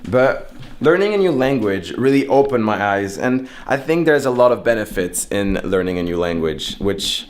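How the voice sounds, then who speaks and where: A young man talks casually in a low, very animated voice at a moderate pace, with slight background noise. He's a native French speaker whose English carries a French accent with American influence, and he gives an informal opinion in a musing, self-deprecating way.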